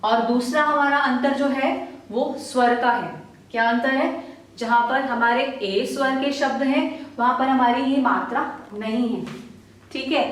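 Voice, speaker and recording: Woman schoolteacher, slightly high voice, slow and patient, sounds far off in an echoey room. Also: a bit bright. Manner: patient, repeats questions and answers them herself. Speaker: primary school teacher. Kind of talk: slow, syllable-by-syllable reading lesson for children. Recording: roomy echo, voice from a distance.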